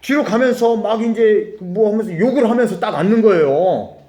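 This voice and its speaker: A man's voice: high-pitched, normal speed, mellow, echoey room. A middle-aged Korean man preaching a sermon as a pastor, telling a story with acted-out dialogue and laughing asides.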